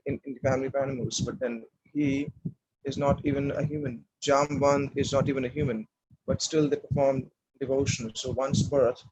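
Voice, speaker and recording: A man giving a devotional talk and telling a story, speaking haltingly and often repeating words as he searches for his phrasing. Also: mid-range voice, a little mellow, breathy edge, lo-fi sound. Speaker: speaker at a temple class.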